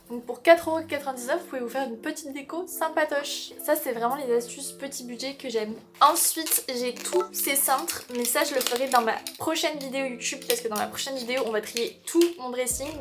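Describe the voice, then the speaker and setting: A young woman from France vlogging in her apartment, chatty and expressive, talking to the camera while she works and grumbling at small setbacks. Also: high-pitched, brisk, few pauses. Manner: chatty and expressive, mutters and swears while doing chores. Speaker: lifestyle vlogger. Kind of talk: casual vlog chat. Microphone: camera mic.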